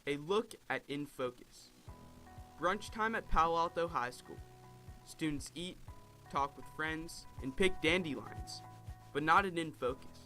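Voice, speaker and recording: A man's voice: on the high side, measured pace, bright, forceful tone. A teenage young man narrating a scripted news report as a student reporter. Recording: music bed behind the narration.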